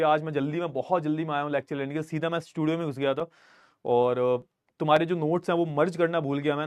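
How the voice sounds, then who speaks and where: A man's voice: fairly high pitch, no room sound. A man teaching a casual live online class from a studio, who talks to his students in a friendly, chatty way and keeps checking that his audio comes through. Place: recording studio.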